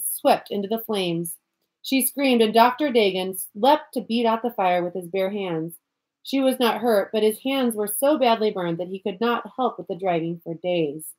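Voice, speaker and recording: A woman narrating a storybook in a measured, expressive amateur reading. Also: fairly high pitch, low-quality recording. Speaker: audiobook reader.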